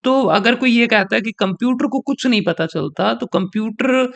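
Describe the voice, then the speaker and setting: A young male trainer teaching an online lesson, his voice sitting high for a man. He explains in an easy, patient way and repeats example sentences slowly to show where the stress falls. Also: vocal fry, a bit bright. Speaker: exam coaching trainer. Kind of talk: teaching in Hindi mixed with English.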